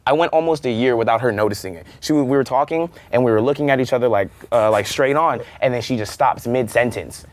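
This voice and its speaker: Talking fast in a mid-range voice with barely a pause, a young man guests on a college TV studio panel, and there's no room sound. It's a casual chat of lively, slangy stories heavy with fillers.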